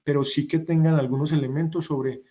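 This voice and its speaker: A man's voice: on the high side, fairly even intonation, a little fast, mellow, lo-fi sound. A man, teaching an online class. He explains patiently and goes over each rule again with examples. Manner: explanatory, repeats points with examples. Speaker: instructor.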